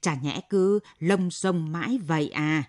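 A woman's voice: low-pitched, a little slow, darkish tone, no room sound, studio quality. A woman voicing a cheeky, talkative young village woman who chatters in a gushing rush.

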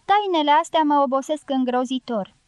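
A woman's voice: sits high, animated, a little mellow, dry recording, pitched above the performer's own voice. A woman reading an audiobook voices a dry, skeptical young American man thinking aloud in a wry, reasoning way. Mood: weary. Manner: wry, reasoning inner monologue.

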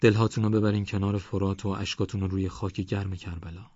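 A man voicing a gentle, earnest village preacher who speaks in a measured way. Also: sits low, flat delivery, slightly rough, no room sound, dull audio. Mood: solemn.

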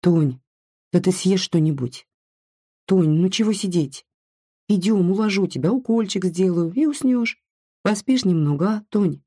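A reader voicing a gentle female nurse who coaxes softly, in a dry recording. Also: medium pitch, expressive, unhurried, dry recording, pitched above the performer's own voice. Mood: coaxing. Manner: soft, coaxing.

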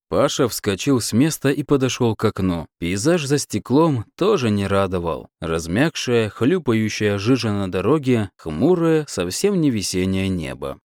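Low, lively male audiobook narrator. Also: no room sound, studio quality. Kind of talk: scripted story narration.

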